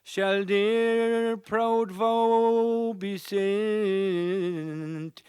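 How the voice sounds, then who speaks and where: A woman sings an old lament very slowly, solemn and drawn out, in a lyrical, mournful style. Her mid-range voice is exceptionally smooth, resonant, and dark, with fairly even intonation. The recording is dry and close, with no room sound.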